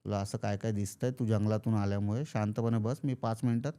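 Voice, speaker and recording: A man's voice: on the low side, steady tone, fast, dark tone, clear, resonant tone. A man telling a horror story casually, acting out the characters' lines. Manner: acts out characters' lines in quoted speech. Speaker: podcast guest storyteller.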